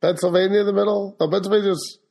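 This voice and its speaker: Gravelly-voiced man on a podcast. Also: high-pitched, steady tone, fast talker, darkish tone. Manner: joshing, rambling. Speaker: podcast co-host. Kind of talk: casual chat.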